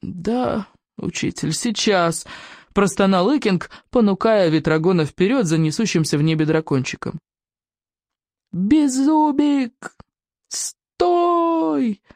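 A reader voicing a worried young Viking boy who tries to keep his voice hushed. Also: mid-range voice, brisk, dry recording, clean studio sound, close to an everyday voice. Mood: urgent. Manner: urgent, hushed pleading.

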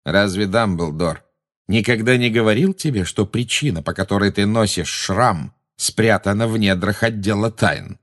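A man voicing a cold, sneering aristocratic dark wizard who threatens a boy. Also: lowish voice, moderate pace, lightly acted.

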